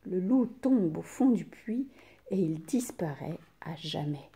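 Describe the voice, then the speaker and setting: A woman reading a children's story aloud with expressive, unhurried storytelling. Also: lowish voice.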